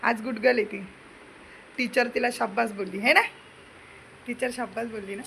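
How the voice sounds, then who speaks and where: A young woman talks to her daughter at home in a coaxing, playful way. Her voice sits high and bright, with some fry at the ends of phrases. It is a phone recording with a faint hiss underneath. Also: steady tone, normal speed, poor audio. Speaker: mother filming her daughter. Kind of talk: casual home chat with a child. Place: home indoors.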